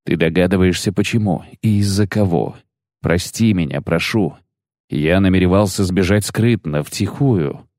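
A man's voice: low-pitched, normal speed, darkish tone, no room sound, studio quality. A man reading an audiobook, voicing a guarded, weary witcher who answers curtly with few words. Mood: strained. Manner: curt, reluctant, few words. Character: terse weary male witcher, guarded and quiet. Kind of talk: audiobook character voice.

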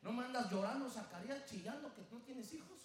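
A man voicing a solemn male angel from heaven, announcing a message in a low, deliberate voice. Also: expressive. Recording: very echoey church with faint music.

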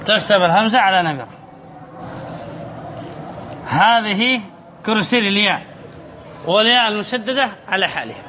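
A man gives a spelling lesson as a sheikh before his students, his voice pitched very high. He poses questions, answers them himself and repeats key phrases slowly. The recording sounds somewhat dull, with a faint hiss behind him. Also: lively intonation. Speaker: sheikh teaching Arabic spelling. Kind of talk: classroom lesson. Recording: slightly dull recording with faint background noise.

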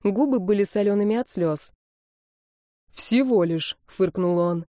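A woman reading a first-person romance audiobook, narrating in a gentle, emotional way. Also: mid-range voice, normal speed, no echo, studio quality.

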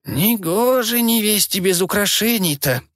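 A man puts on a stern old housekeeper woman in a storybook, fussing in a homely way. Her voice is raised well above the reader's own, lively in pitch, recorded dry. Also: unhurried, no room sound.

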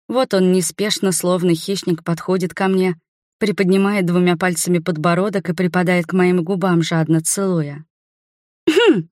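Low-voiced woman reading an audiobook. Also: no echo, clean studio sound. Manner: measured, expressive first-person narration. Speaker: audiobook narrator. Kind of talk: scripted audiobook narration.

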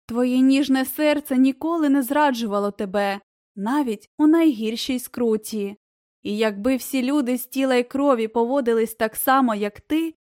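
A woman's voice: a little high, a little mellow, no room sound, clean studio sound, close to an everyday voice. Earnest young girl read by a woman. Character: young girl, tender and anxious.

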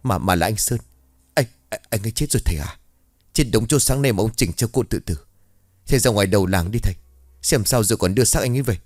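A man's voice: fairly low pitch, quick pace, a little mellow, dry recording, studio quality, lightly acted. A man doing a stammering, scared young villager. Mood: panicked. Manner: stammering, trembling.

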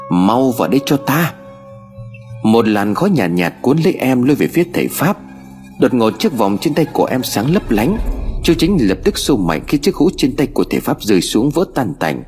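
A man narrating a ghost story in an expressive, dramatic reading style. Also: mid-range voice, fairly quick, in a large hall, soft background music.

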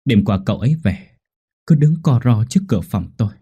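A man voicing a sorrowful old male fortune-teller in a horror audio story, speaking calmly and slowly. The voice is low, dark and husky. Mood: solemn. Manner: calm, measured.

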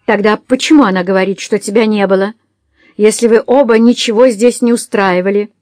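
A woman's voice: fairly even intonation, a little mellow, dry recording, studio quality, natural voice. A woman doing a drunk, raging society woman. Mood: furious. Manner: shrill, jeering, slow and scornful.

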